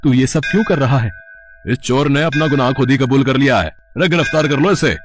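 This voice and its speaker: A man's voice: medium pitch, brisk, music in the background, voice pushed up, close to an everyday voice. A man voicing a bossy, commanding middle-aged village headman. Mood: angry. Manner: loud, commanding, animated.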